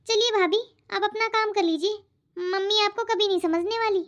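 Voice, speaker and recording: A spirited young cartoon daughter, voiced by a woman, arguing back in a very high voice. The sound is muffled and lo-fi. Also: steady tone, normal speed, fairly bright tone. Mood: protesting. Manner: protesting, argumentative. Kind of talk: cartoon voice acting. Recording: dull lo-fi audio.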